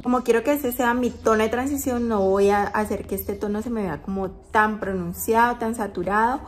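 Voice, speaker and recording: A woman's voice: on the high side, moderate pace, soft background music. A woman vlogger talking through a makeup tutorial, chatty and explaining each step as she goes.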